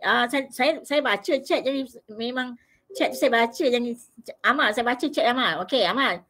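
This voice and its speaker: Teacher on a video call a woman with a fairly high voice. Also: normal speed, sharp tone. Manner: coaxing, questions students by name. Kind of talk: online class discussion.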